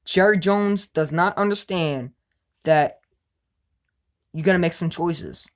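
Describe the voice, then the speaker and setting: A woman with a slightly low voice rants as a sports fan vlogger answering her viewers. She is emphatic and blunt, with loud outbursts that drop to low mutters. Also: slow pace. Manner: emphatic, repeats "you know what I'm saying". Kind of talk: casual opinionated rant.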